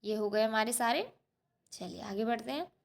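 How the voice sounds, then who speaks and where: A woman with a high voice teaches a school lesson. She explains each point step by step, repeats the answers and keeps asking the class short rhetorical questions. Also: normal speed, creaky. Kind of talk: textbook lesson walkthrough.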